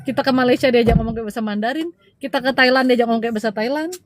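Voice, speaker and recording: A chatty, teasing woman with a Balinese Indonesian accent hosts a casual live stream as a spiritual healer, calling her viewers dear. Her voice sits somewhat high, with a faint hiss of noise behind it. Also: very fast. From Bali, Indonesia.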